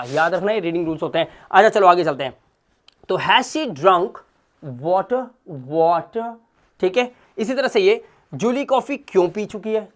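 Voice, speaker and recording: Animated man teaching with loud bursts. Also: high voice. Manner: animated, swings from quiet asides to loud emphatic bursts; addresses the viewer directly and spells words out letter by letter. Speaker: English teacher. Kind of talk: spoken English lesson in Hindi.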